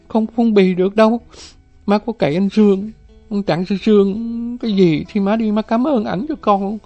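A man's voice: sits high, gravelly, mellow, voice pushed up. A man voicing a weary, heartbroken young woman who speaks hesitantly. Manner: hesitant, halting, stammers.

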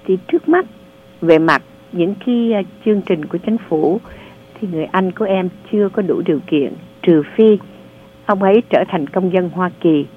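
A woman answers callers on a radio advice show, laying out benefit rules in a patient, reassuring way. Her voice sits a little low. It comes through a thin, phone-like channel. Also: normal speed. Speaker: radio advisor on social services. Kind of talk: call-in advice, explaining benefits. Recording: narrow phone-like sound.

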